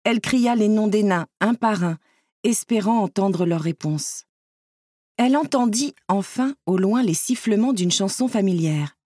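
Expressive woman reading a storybook aloud. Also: medium pitch, a little slow, no echo, studio quality. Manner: expressive, lively narration.

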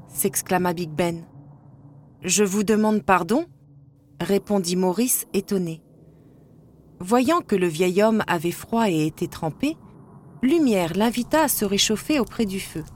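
A woman's voice: mid-range voice, a little mellow. Woman narrating a storybook over music. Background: background music.

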